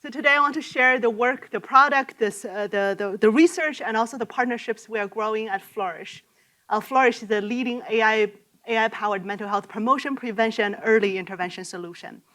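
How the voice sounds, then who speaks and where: A woman giving a prepared conference pitch as a scientist, with emphatic, list-like phrasing. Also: brisk, pushed and bright. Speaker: behavioral scientist presenter.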